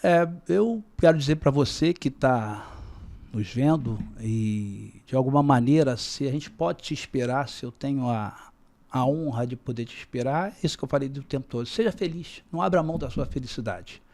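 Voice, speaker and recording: Calm gravelly-voiced man guest. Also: medium pitch. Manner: calm, measured, repeats words when searching. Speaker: podcast guest, business leader. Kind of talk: casual interview talk.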